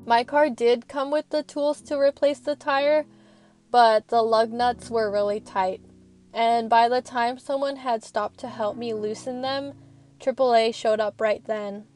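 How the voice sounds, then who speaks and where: Recording in her parked car, a young woman student vlogger gives a casual, rambling voice-over a little slowly and in a steady tone. She is earnest and frank, her voice slightly high, with soft music quietly behind her.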